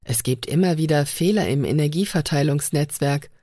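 A cautious young male technician, calm and measured with a lowish tone, as a woman reads him in a storybook. The sound is dry and close. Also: no room sound.

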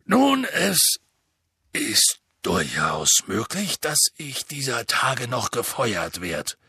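A man reading a gruff giant gamekeeper, husky voice, hesitant, dry audiobook sound. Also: mid-range voice, huge pitch swings, sharp tone, dry recording, heavily acted. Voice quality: gruff, dialect-clipped speech. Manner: hesitant, halting. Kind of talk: audiobook character voice.

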